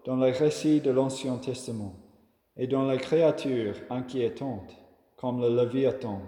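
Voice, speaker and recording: A man from Australia delivers a reflective homily at an unhurried, deliberate pace. His voice is mellow and dark, and it rings out with a long reverb, as if spoken in a large echoing space. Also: medium pitch. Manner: slow, measured and calm. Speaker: preacher. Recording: echoey room with long reverb.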